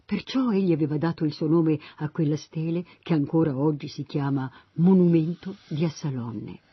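Bible narrator, husky, dry, dull sound. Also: medium pitch, normal speed, no echo. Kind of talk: Bible story reading.

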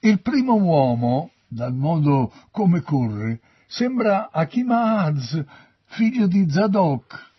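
Man doing a watchman calling out, husky. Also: sing-song, takes it slowly, no room sound, highs cut off, exaggerated voice. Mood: alert. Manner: calling out loudly, high pitch.

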